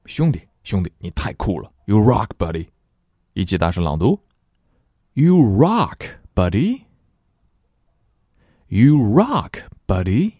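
A man teaching English phrases in a language lesson, reading model sentences slowly and deliberately with quick explanatory asides. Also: sits low, a little mellow, no echo, studio quality.

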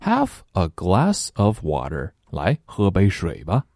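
A man teaching English phrases in a language lesson, reading model sentences slowly and deliberately with quick explanatory asides. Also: deep voice, huge pitch swings, a little mellow, no echo, clean studio sound.

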